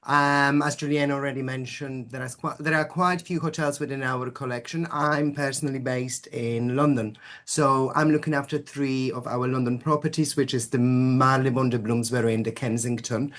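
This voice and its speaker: A man's voice: medium pitch, fairly even intonation, moderate pace, a bit bright. A man giving an upbeat sales presentation over a video call, with audio that breaks up at times and a lot of glowing adjectives. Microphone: computer mic on a video call.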